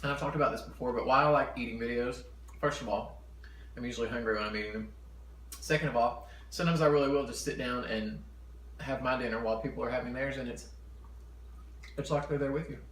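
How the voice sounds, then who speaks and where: A man with a mid-pitched voice chats casually to viewers as he eats, chewing while talking. He is in his kitchen, which sounds roomy and echoey, with some faint noise behind him. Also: steady tone, quick pace, long pauses, a bit bright. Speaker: mukbang vlogger. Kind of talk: casual eating-show chat to camera. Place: home kitchen. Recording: echoey room with background noise.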